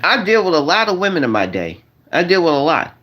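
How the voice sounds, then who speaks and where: A vlogger in his forties rambles to his viewers in a casual monologue, his voice fairly high with big pitch swings and a slightly fast pace, heard through dull audio. He restarts and repeats phrases over and over, uses slang, and calls his audience "y'all."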